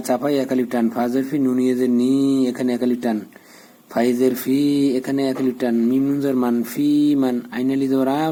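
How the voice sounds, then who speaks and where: A man teaching a prayer, spelling out letters and vowels at a quick clip, then chanting the joined words slowly. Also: mid-range voice, mellow. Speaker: Quran recitation teacher. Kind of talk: spelling out and reciting Arabic prayer.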